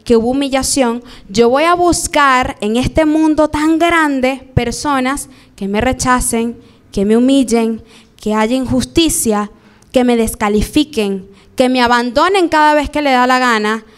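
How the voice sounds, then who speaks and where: A young Venezuelan woman preaching a live sermon in a church, lively and acting out the voices she quotes. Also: sits high, measured pace, smooth.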